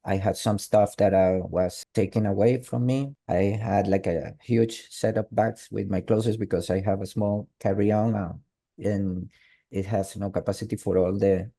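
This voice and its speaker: Venezuelan man with a dark, hesitant voice. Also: lowish voice, steady tone. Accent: Venezuelan Spanish. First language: Spanish. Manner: halting, with many restarts and fillers. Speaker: guest. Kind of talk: online interview. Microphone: video call.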